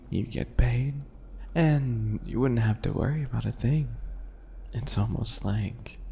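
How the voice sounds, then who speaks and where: In an ASMR roleplay, a man plays a smug, teasing bunny alchemist with an obsessive streak, taunting the listener in a mocking, drawn-out, breathy manner. His voice is mid-range and dark in tone, with slight background noise behind it.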